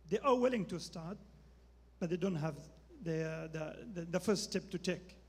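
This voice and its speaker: Man, high and gravelly, halting question, long hall reverb. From Afghanistan. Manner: halting, many hesitations. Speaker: audience member asking a question. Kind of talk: question from the floor at a panel. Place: conference hall.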